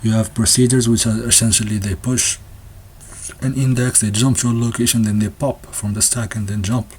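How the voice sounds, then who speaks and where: A man explaining a textbook's ideas in a casual unscripted talk, halting often with restarts and fillers and sometimes laughing nervously. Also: on the low side, steady tone, darkish tone, a little hiss or hum. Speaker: presenter discussing a textbook.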